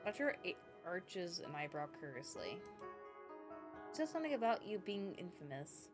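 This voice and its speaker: A woman's voice: fairly low pitch, big pitch swings, moderate pace. Woman reading story text aloud over music. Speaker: game streamer. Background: background music.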